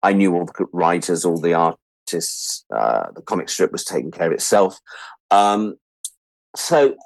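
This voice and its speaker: This expressive, creaky voice sits low and moves at a measured pace, captured on a low-quality recording with no echo. It belongs to a British writer-producer in his sixties, an interview guest who shares animated anecdotes in a chatty, self-deprecating style, voicing bits of dialogue.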